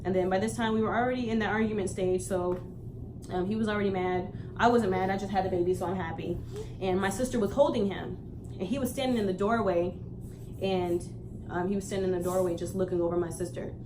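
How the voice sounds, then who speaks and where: A woman's voice: medium pitch, fast talker, noisy background. A young woman vlogger casually telling a personal story, acting out what people said along the way. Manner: animated retelling, acts out quoted lines.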